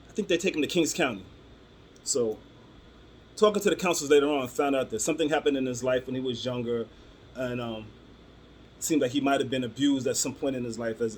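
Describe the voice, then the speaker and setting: A man in his forties tells stories to camera in a loose, conversational way. He rambles, restarts and fills pauses with "um". His voice sits in an ordinary middle pitch, with a faint hiss behind it. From Brooklyn, New York. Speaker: vlogger telling personal stories. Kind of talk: casual storytelling to camera.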